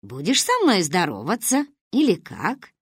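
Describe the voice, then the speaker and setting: A woman reading aloud and voicing a stern, sharp-tongued old grandmother with a gruff, commanding manner. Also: fairly low pitch, huge pitch swings, unhurried, no room sound, full character voice. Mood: gruff teasing. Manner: gruff, commanding, dry mocking.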